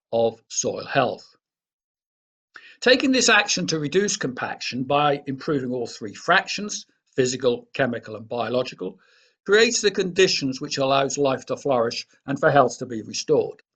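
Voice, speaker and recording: A man delivering a scripted presentation in a formal, measured, explanatory manner. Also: medium pitch, slightly rough.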